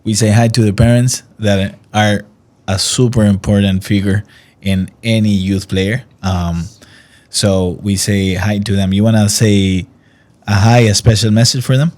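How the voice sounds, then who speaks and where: A man's voice: lowish voice, steady tone, measured pace, a little mellow. A man hosting an interview, encouraging and conversational, often rephrasing his questions. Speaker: interviewer, host.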